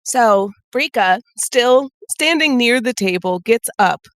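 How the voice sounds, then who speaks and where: A woman playing a tabletop game speaks very slowly and deliberately. She narrates her character's actions quietly. The sound is dry and close. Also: fairly high pitch, lively intonation, no room sound. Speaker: player.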